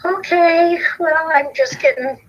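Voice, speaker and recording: A woman's voice: extremely high pitch, a little slow, dull audio. An older woman calling in on speakerphone as the streamer's mother, giving brief, chuckling replies. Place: phone call from elsewhere.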